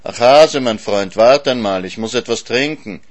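A man's voice: medium pitch, moderate pace, natural voice. A man reading a storybook voices a greedy, insatiable hyena that whines and pleads. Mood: moaning.

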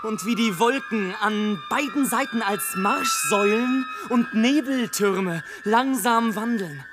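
In a studio radio play with music, a male actor with a high voice performs a slow, theatrical monologue as a rapturous, scornful airship balloonist. His exultant, declamatory delivery swings between grand exultation and hush.

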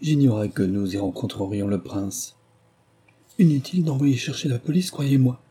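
A man reading the part of a distressed lady who strains to sound calm. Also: mid-range voice, normal speed, breathy edge, lightly acted. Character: pale, distressed young lady.

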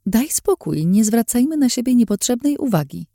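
A woman's voice: on the high side, big pitch swings, normal speed, no room sound, studio quality, pitched above the performer's own voice. A woman voicing a cheerful young woman, the narrator's friend, in an audiobook. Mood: urging. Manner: bright and eager.

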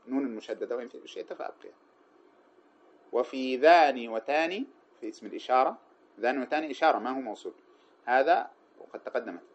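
A man lectures briskly on a grammar text, moving at a quick clip in a mid-range voice. He keeps asking questions and answering them himself, and breaks into recited verse lines and Quran passages. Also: mid-range voice, lo-fi sound. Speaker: grammar teacher. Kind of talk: classroom explanation of a grammar text.

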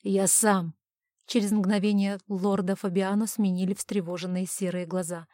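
A woman's voice: medium pitch, little pitch movement, moderate pace, mellow, no echo, clean studio sound. A woman narrating a first-person fantasy audiobook in tense, clipped phrases.

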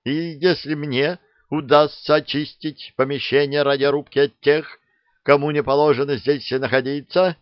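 A man voicing a flustered young male lieutenant who squeaks and barks orders in a shrill voice. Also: level tone, normal speed, no room sound, lightly acted. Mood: shrill insistent. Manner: insistent, barking orders. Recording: dull dry recording.

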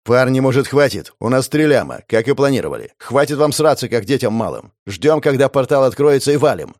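A man's voice: medium pitch, animated, fairly quick, a little mellow, no room sound, clean studio sound, natural voice. A man voicing a nervous male gang member who urges the others to stop. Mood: tense. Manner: urgent, pleading.

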